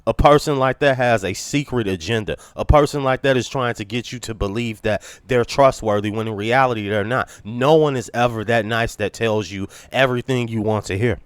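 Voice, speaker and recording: Congested male vlogger, earnest rambling sermon-like talk, smooth resonant tone, dry close recording. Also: mid-range voice, brisk, hardly any pauses, no room sound. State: congested, sick. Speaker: channel host. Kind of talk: monologue to camera.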